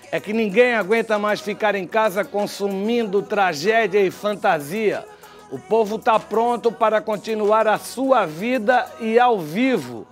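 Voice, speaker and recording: An older Brazilian man, a TV commentator, speaks in a high-pitched voice with a Brazilian Portuguese accent in a TV studio. He's chatty and wry, with drawn-out sign-offs, recorded on a lapel mic over a faint music bed.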